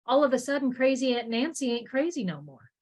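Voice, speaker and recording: A woman's voice: sits high, expressive, brisk, a little mellow. A woman hosting a podcast, chatty and affirming, with a casual turn of phrase. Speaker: podcast host. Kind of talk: podcast conversation.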